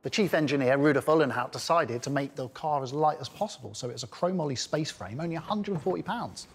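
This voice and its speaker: A man's voice: on the high side, expressive, quick pace, slightly rough. A man speaking as a car expert in a documentary interview, gushing and playful. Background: background music.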